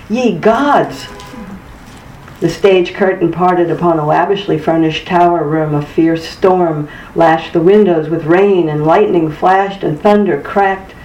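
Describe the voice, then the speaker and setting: A narrator reading a story aloud in a measured, even way. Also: medium pitch, slight background noise. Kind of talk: scripted audiobook narration. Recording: distant, roomy, dull-sounding recording.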